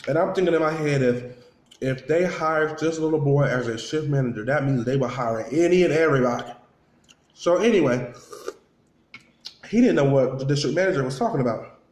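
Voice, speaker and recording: A vlogger eats while telling viewers a casual story, his fairly high, slightly mellow voice broken up by chewing between phrases. He acts out what people said and repeats things for emphasis, all in a conversational manner. The sound is roomy and echoing.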